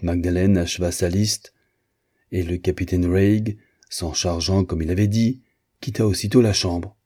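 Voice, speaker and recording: A man narrating a novel as an audiobook in a measured, steady reading. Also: low voice, slightly rough. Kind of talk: scripted narration.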